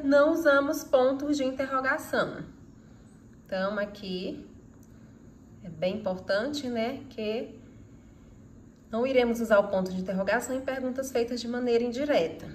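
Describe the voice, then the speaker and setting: A woman's voice: on the high side, normal speed, slight background noise. Brazilian woman teaching a grammar lesson. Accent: Brazilian Portuguese. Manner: asks rhetorical questions and answers them herself; reads example sentences aloud with expression.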